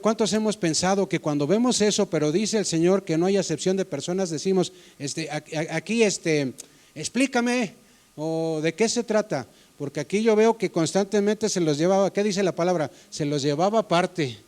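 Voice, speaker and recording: Pastor guy preaching in church, high voice, keeps asking the people questions. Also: darkish tone. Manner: conversational, asks the congregation questions. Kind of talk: sermon.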